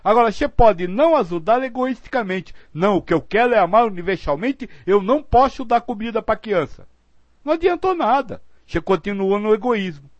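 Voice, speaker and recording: A man with a high, light voice explains spiritual teachings in an earnest, patient way. The sound is close and dry, with no room around it. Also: expressive, fairly quick, dry recording, highs cut off. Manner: earnest, explanatory, acts out example phrasings.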